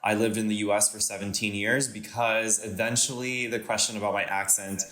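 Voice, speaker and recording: A young Panamanian man with an American, Californian accent speaks as a guest in a casual conversation, hesitating often with many fillers and restarts. His voice is lowish, level, and brisk, and the sound is roomy over a noisy crowd.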